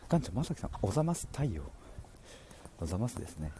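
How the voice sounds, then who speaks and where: A man hosting a casual livestream, reading out listener comments and chatting in an animated way with frequent laughs. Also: background noise. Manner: chatty and animated, laughing often, with quick pitch jumps. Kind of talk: casual solo livestream chat.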